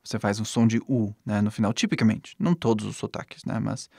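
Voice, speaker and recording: A man whose first language is English gives a language lesson in a calm, reassuring manner. He repeats each sound slowly so it can be heard clearly. The recording is dry and close, with no room sound. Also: on the low side, no echo. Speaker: English teacher.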